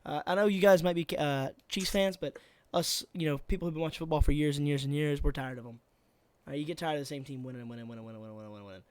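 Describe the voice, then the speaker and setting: A man's voice: on the high side, steady tone, fast talker, no echo. A tired young man co-hosting a casual chat, rambling and swearing with lots of fillers. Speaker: co-host.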